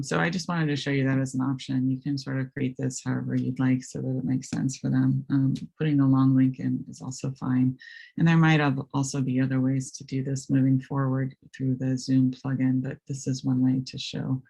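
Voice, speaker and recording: A woman with a raspy voice presenting a webinar, walking through software step by step with many hesitant ums. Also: extremely low pitch. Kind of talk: screen-share software walkthrough.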